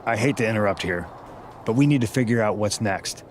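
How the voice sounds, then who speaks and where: In a video game cutscene, a man voices a serious, pragmatic wrestler giving team updates in a concerned, matter-of-fact mood. His natural voice is on the low side and brisk, with slight background noise.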